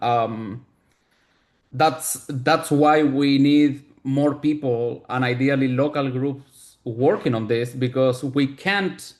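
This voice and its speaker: A Chilean researcher, a native Spanish speaker with a Chilean Spanish accent, answers technical questions in a medium-pitched voice. He explains deliberately and often repeats words while searching for the right phrasing.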